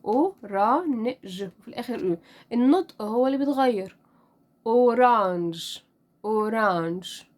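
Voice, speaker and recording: A woman with an Egyptian Arabic accent teaching French pronunciation in a casual lesson, spelling out letters and repeating each word slowly. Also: on the high side, a little mellow. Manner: drills words slowly, repeating each one.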